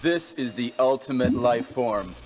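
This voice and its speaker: A man voicing a cold, scheming male villain commander in video game cutscene dialogue, with a stilted, deliberate delivery. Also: medium pitch, expressive, noisy background, natural voice. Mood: proud. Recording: game audio under music.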